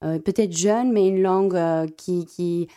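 Her voice is lowish and mellow: a young Afrikaans-speaking South African woman, a classical singer, responding to a radio interviewer in a halting manner with lots of repeated words.

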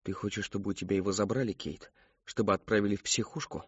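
A man voicing a hushed, cold, insistent voice inside a mother's head, in a slightly muffled audiobook. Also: fairly low pitch, steady tone, fast, breathy edge, no echo.

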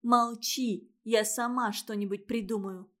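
A woman plays a spoiled little storybook girl, sly and quick-tongued, wheedling and lying in a high, ringing voice. She chatters without pause. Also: fairly even intonation, fairly bright tone. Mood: angry.

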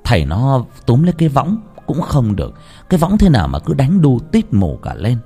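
Man, ghost story narrator, wildly swooping pitch, soft music behind. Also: fairly quick, husky. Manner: very expressive, swinging between hushed and heightened.

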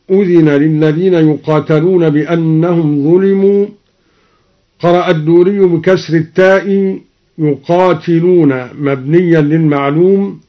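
Man slowly teaching quran readings, drawn-out recitation, muffled old radio sound. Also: on the high side. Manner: measured, drawn-out recitation between plain explanations. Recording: dull old radio broadcast recording.

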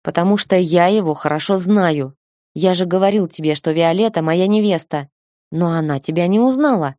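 Lady reading a fed up young guy barking short orders, lowish voice. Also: moderate pace, warm tone, no echo, clean studio sound, natural voice. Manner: curt, exasperated orders. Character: young man, the fiancé, blunt and fed up.

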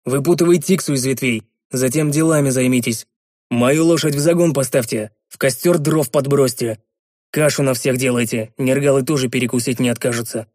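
A man's voice: medium pitch, brisk, a little mellow, no echo, studio quality, close to an everyday voice. Man voicing a stern, barking leader. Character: gruff male leader, quick-tempered then easing.

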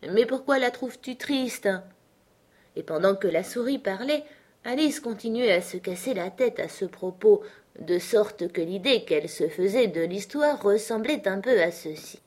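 A woman narrating a children's classic as an audiobook in a measured, clear manner. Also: medium pitch, expressive, darkish tone. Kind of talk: audiobook reading.

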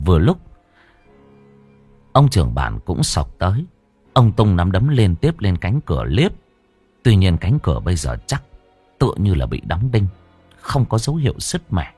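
A man narrating a horror story in a low, measured storytelling voice. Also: wildly swooping pitch, a little mellow, breathy edge, soft background music.

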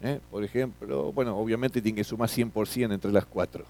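A man's voice: on the low side, brisk, gravelly, a little mellow. A middle-aged man teaching a classroom lecture, often tagging his sentences with questions and repeating words.

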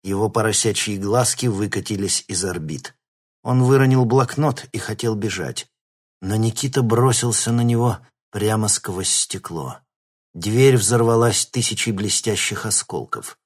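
A man reading an audiobook in steady, scripted narration. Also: lowish voice, unhurried, breathy edge. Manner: steady storytelling.

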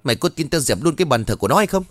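A man's voice: a little high, very animated, very fast, a bit bright, dry recording, voice pushed up. A man voicing a cruel, foul-mouthed pregnant stepmother who scolds shrilly and snarls threats. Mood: furious.

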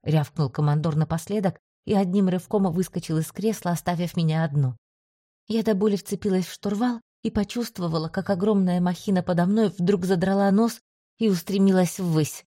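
A woman reads a first-person adventure story aloud with a steady, even delivery. Her voice is mellow and dark, recorded dry and close with no room sound. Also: lowish voice, moderate pace, no room sound. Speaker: audiobook narrator. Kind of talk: first-person scripted narration.

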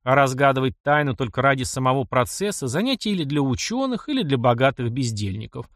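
A man's voice: medium pitch, sing-song, fast talker, a bit bright, no echo, studio quality. A man voicing a practical young mechanic in an audiobook, blunt, wry and stubborn. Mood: measured. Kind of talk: audiobook character reading.

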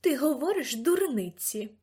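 A woman's voice: sits high, sing-song, measured pace, a little mellow, pitched above the performer's own voice. A woman voicing an imperious elderly grandmother who speaks in a cold, commanding tone.

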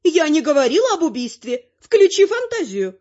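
Woman doing a spry old granny, bossy, cheeky, scolding, high voice, muffled recording. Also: big pitch swings, normal speed, mellow. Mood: sly. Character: spry sharp-tongued bossy old grandmother.

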